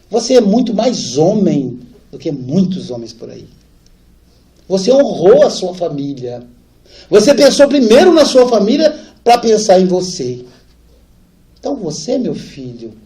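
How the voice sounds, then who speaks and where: A man voicing a rustic older father, a gruff man turned tender, speaking softly and heavy with remorse. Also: fairly high pitch.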